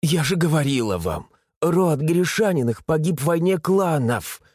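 A man's voice: on the high side, animated, a little slow, darkish tone, breathy edge, no room sound, clean studio sound, pitched above the performer's own voice. A man voicing an earnest, genteel young woman. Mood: pleading. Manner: pleading, earnest.

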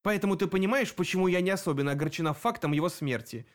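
A man reading an audiobook, voicing a young woman who grieves her murdered friend and wants revenge, with an emotional, sharp voice. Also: high voice, rapid-fire, pitched above the performer's own voice, close to an everyday voice. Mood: bitter grief.

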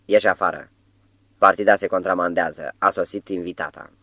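Brief: audiobook, man as a lordly devil, deep and gravelly, commanding, dry close sound. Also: fairly even intonation, sharp tone, dry recording. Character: imposing, mocking old devilish master.

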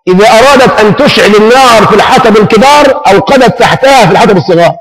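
A man's voice: high-pitched, very fast, voice pushed down, close to an everyday voice, rough recording. An older man with an Egyptian accent voicing a clever, frightened little boy in a lesson story, in a pleading tone. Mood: earnest. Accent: Egyptian Arabic.

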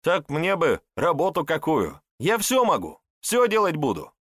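A man's voice: fairly high pitch, huge pitch swings, fairly bright tone, dry recording, clean studio sound, voice pushed up, exaggerated voice. A man voicing a scrawny, starving young peasant lad who pleads eagerly for work. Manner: eager, pleading, talks fast. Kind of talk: audiobook character voice.

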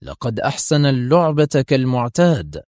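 A man's voice: medium pitch, very animated, moderate pace, a little mellow, no room sound, clean studio sound, lightly acted. A man voicing an irritable male intelligence officer who argues sharply and insistently. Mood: firm, agitated.

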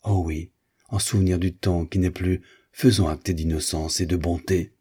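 Gentle young woman, read by a man. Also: low-pitched, steady tone, normal speed, husky. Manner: gentle, consoling.

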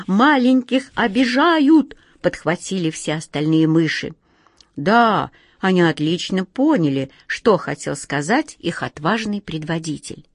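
A woman's voice: lowish voice, darkish tone, dry recording, clean studio sound. A woman narrating a children's story expressively, speaking directly to her listeners.

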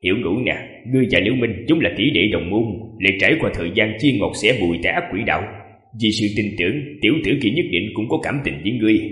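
A man's voice: fairly low pitch, lively intonation, fast, fairly bright tone. A man with a sore throat voicing an older male sect master who teases his female disciple with knowing advice. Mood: teasing. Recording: echoey, long reverb.

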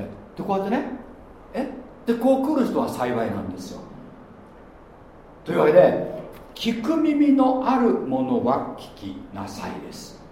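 A man preaching a sermon as pastor, chatty and animated, often asking his listeners questions. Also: fairly high pitch. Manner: animated, conversational, asks the congregation questions. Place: church. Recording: very echoey church hall with faint noise.

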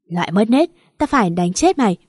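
A woman voicing a furious village mother who shouts and curses at her pregnant daughter. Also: mid-range voice, sing-song, breathy edge, no echo, studio quality. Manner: shouting, fast and cursing.

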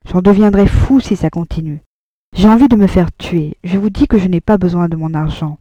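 A woman's voice: fairly low pitch, normal speed, warm tone, no echo, natural voice. A woman voicing a despairing, good-hearted young man. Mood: agitated. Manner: pleading, agitated outbursts. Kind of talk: audiobook dialogue.

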